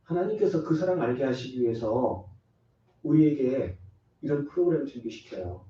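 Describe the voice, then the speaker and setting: A man's voice: medium pitch, lively intonation, moderate pace, mellow. A male pastor giving an earnest, emphatic sermon, acting out little quoted exchanges as he goes. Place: church sanctuary. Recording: echoey church hall from far off, dull sound.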